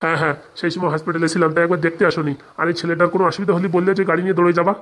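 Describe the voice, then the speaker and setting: A woman's voice: on the low side, level tone, lightly acted. A woman voicing a bickering, grumbling middle-aged male politician husband in a comic cartoon. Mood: complaining. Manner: grumbling, exasperated, quick retorts.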